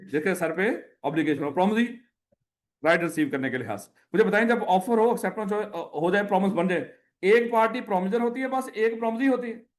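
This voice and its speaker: A man's voice: high-pitched, expressive, fairly quick. A man with a Pakistani Urdu accent teaching a class, repeating questions and teasing his students affectionately. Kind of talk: classroom lecture.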